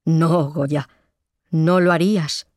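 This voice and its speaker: A woman's voice: low voice, fairly even intonation, slow, darkish tone, no room sound, clean studio sound. A woman voicing a stern, stubborn middle-aged male priest in a read-aloud story, speaking firmly and solemnly. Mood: serious.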